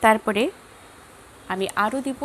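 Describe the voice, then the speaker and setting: A young Bangladeshi woman teaching a lesson, speaking slowly and carefully and repeating each word for her students. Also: on the high side, a little hiss or hum. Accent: Bangladeshi Bengali. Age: young adult. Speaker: Sanskrit teacher. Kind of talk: classroom lesson, slow repetition drills.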